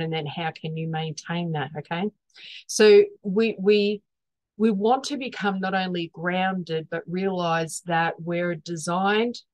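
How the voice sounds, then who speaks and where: A woman with a slightly low-pitched voice speaks as a wellness teacher. She explains things informally and earnestly, stressing key words and pausing to reword her phrases. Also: poor audio.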